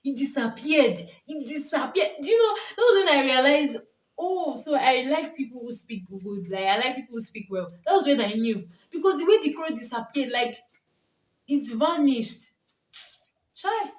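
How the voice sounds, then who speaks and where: Her voice sits high and is expressive, moving at a moderate pace. She is a young Nigerian woman and Yoruba speaker with a Nigerian accent, a vlogger and coach who laughs often while telling stories and giving casual relationship advice to camera. Sound is roomy and distant.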